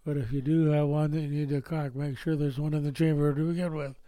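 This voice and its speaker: A man's voice: on the high side, level tone, fast, mellow, dry recording. A man preaching a sermon in a folksy way, often ending points with tag questions. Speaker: pastor.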